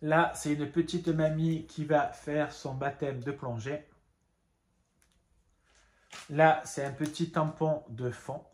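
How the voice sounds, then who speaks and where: A man's voice: on the high side, fairly even intonation, slow, long pauses. Chatty man in an echoey room. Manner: chatty, rambling, many fillers and asides. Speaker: craft vlogger. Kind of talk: casual show-and-tell vlog.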